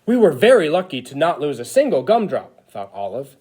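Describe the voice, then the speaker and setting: A man playing an eager, childlike Christmas elf who reads a picture book to children in an expressive, exaggerated way. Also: fairly high pitch, a little fast. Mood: eager storytelling. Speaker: storyteller reading to children. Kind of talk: animated picture-book read-aloud.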